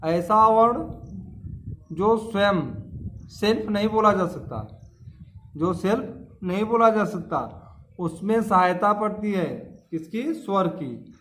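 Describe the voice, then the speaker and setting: Male schoolteacher, high voice, drills terms, asks the class questions. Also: takes it slowly, pauses often, fairly bright tone. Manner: repeats key terms, quizzes students with questions. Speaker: teacher. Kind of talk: classroom grammar lesson.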